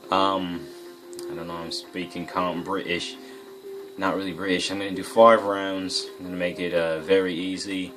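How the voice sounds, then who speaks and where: A man's voice: sits low, little pitch movement, moderate pace. A man hosting a gaming video, casually commenting on gameplay and thinking aloud in a rambling, self-correcting way. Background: game music.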